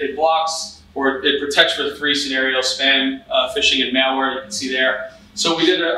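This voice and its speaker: A cyber risk analyst in his thirties talks conversationally at a conference in a hotel meeting room, restarting often and leaning on fillers. His fairly high voice sounds pushed and bright. The distant, echoey recording carries a little hiss or hum.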